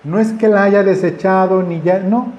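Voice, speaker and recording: A man's voice: sits high, steady tone, moderate pace, darkish tone, muffled recording, slight background noise. A man preaching a conversational sermon, acting out the voices in his stories. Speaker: pastor. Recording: echoey room with faint ambience.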